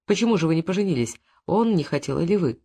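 A reader doing a calm, firm investigator. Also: medium pitch, quick pace, breathy edge.

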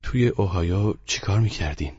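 A man's voice: deep voice, lively intonation, darkish tone, slightly rough, dull audio. A man voicing an inquisitive, polite teenage girl who keeps asking questions in an audiobook story. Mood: curious. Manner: persistent, questioning.

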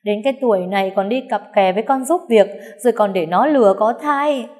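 A woman voicing an older rich matriarch who cries and screams threats in a shrill, raised voice. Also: huge pitch swings, moderate pace, warm tone, long reverb tail. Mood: wailing.

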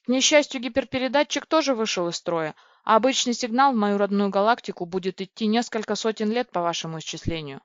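A woman's voice: medium pitch, quick pace, hardly any pauses, dry recording, lightly acted. A woman reading a storybook voices a male crocodile-spider alien scout who speaks courteously, formally and precisely. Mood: polite. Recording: dry, dull lo-fi recording.

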